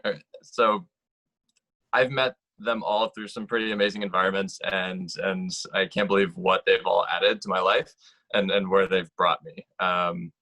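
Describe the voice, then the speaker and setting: A man's voice: deep voice, level tone, moderate pace, pushed and bright, no room sound. A man in his twenties from Texas, speaking earnestly about his team and often repeating words. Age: 20s. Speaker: team member. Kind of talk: casual team introduction.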